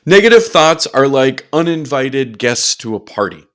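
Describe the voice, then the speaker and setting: A man's voice: mid-range voice, big pitch swings, normal speed, a bit bright. A man coaching in a motivational video lesson, upbeat with playful asides.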